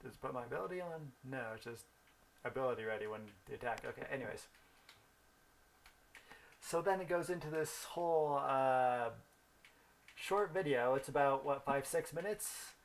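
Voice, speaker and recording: A young man hosting a gaming video gives casual commentary, rambling through a story as he thinks aloud about the game. His pitch is medium and his pace moderate, with frequent pauses, and there's slight background noise.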